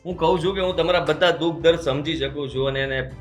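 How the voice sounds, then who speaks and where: A man's voice: on the high side, fast, soft background music, lightly acted. An actor playing a pushy young brother-in-law who pesters his sister-in-law with insistent, wheedling talk. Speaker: actor in a web drama.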